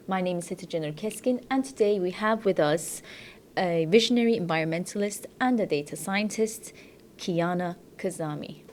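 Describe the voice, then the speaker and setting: Woman, podcast host, interview questions, halting restarts, faint background hiss. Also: lowish voice, a little mellow.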